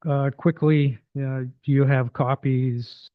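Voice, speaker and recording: A man addressing a town council as a delegate, a little hoarse, hesitant with many fillers and restarts as he reads his report. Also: medium pitch, fairly even intonation, takes it slowly, no room sound. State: losing his voice. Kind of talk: formal public delegation, partly read aloud. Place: council chamber, delegation table. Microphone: table microphone. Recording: tinny phone-like council mic feed.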